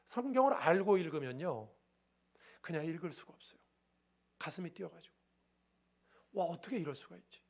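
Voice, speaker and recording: A male pastor preaching a sermon emphatically, often asking the congregation rhetorical questions. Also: sits high.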